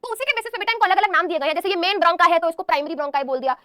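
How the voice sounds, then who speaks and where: A woman's voice: very high voice, very fast, bright, forceful tone, no echo, studio quality. A young woman teaching a biology lesson, calling students "beta" and asking and answering her own questions, slipping English terms into her explanations. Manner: mixes English terms into speech.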